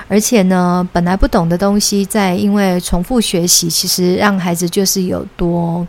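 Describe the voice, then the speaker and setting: A woman's voice: medium pitch, creaky, a little mellow. A woman in her thirties with a Taiwanese Mandarin accent hosts her own podcast as a children's English teacher, talking casually with many "uh" fillers and English words mixed in. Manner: chatty, frequent "呃" fillers, mixes in English words. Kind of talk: casual solo podcast talk.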